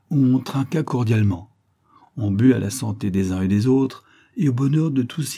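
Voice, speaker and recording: A man reading a serialized detective novel aloud in a measured storytelling manner. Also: fairly low pitch, mellow, husky. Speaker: audiobook reader. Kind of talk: scripted narration.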